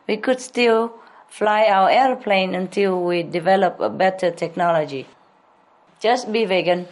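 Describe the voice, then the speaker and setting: A woman spiritual teacher answering questions at a public talk, speaking slowly with repetition and frequent laughter. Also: mid-range voice. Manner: slow, repetitive, laughs often.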